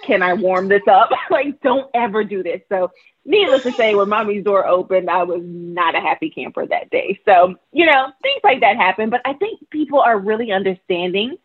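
A working mother telling stories as a podcast guest on a call, animated and laughing easily. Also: mid-range voice, moderate pace, slightly rough. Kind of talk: casual interview talk. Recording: phone-like call audio.

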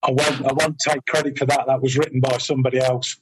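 A man's voice: medium pitch, level tone, fast, slight background noise. A man who is a podcast guest, chatting casually over a call with a distorting, clipping microphone and a dry, matter-of-fact manner. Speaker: podcast guest from a biker charity. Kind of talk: casual remote podcast chat. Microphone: computer or lapel mic over a call.

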